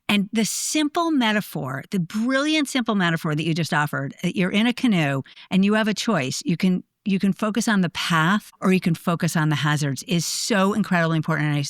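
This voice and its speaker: A woman's voice: on the low side, dry recording, studio quality. A woman hosting a podcast, responding to her guest with enthusiastic affirmation in casual conversation. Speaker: podcast host.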